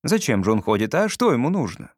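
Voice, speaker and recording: A man playing a sly, weary grown man who talks slowly and teases a child. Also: mid-range voice, big pitch swings, no echo, studio quality. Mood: wry, teasing. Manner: slow, wry and teasing.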